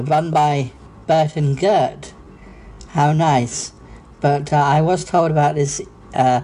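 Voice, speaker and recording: A man's voice: a little high, dark tone, slight background noise, lightly acted. A man playing a fussy, doting older lady who gushes and dithers in a genteel way.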